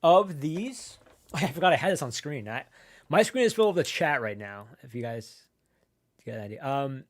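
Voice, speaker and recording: A male streamer talks into a desk microphone in a loose, rambling way, swearing freely and padding his sentences with "like." He chews and munches on snacks between words, and his voice sits at a middle pitch. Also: big pitch swings, normal speed. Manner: rambling, profane, full of "like" and restarts; chews and munches while talking. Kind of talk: casual live-stream chat.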